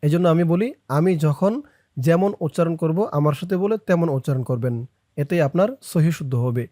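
A teacher giving a step-by-step recitation lesson, talking quickly between slow, drawn-out chanted phrases and asking viewers to repeat each one. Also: mid-range voice, mellow, no room sound, studio quality.

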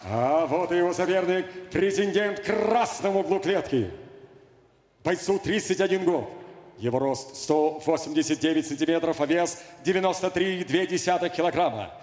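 An older man working as a ring announcer, formally and theatrically announcing a fight with drawn-out shouts. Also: on the high side. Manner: grand, theatrical, building to shouts. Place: cage in a large indoor arena. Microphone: handheld microphone. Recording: echoey arena PA with long reverb.

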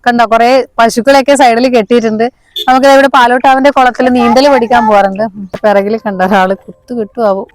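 A woman's voice: a little high, steady tone, quick pace, no echo, poor audio. A woman chatting casually to vlog viewers, mixing English words into her Malayalam. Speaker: vlogger. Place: outdoors on a village road beside fields.

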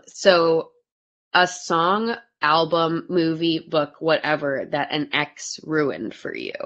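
A woman's voice: low-pitched, a bit bright. A woman moderating a casual comedy panel, laughing often and talking with many fillers. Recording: dull lo-fi audio.

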